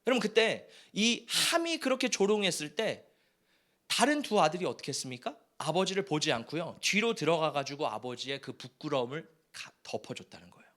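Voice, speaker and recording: A male pastor giving an animated Friday-night sermon in a church, joking with the congregation and calling for amens. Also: a little high, brisk. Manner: animated, jokes and calls for amen. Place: church sanctuary.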